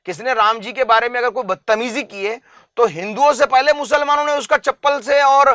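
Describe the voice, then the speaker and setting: A man with a high, bright, sharp-edged voice speaks as an interview guest making a heartfelt public appeal. He is earnest and emphatic, hammering his point with long lists. His voice is recorded dry and close. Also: dry recording. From India.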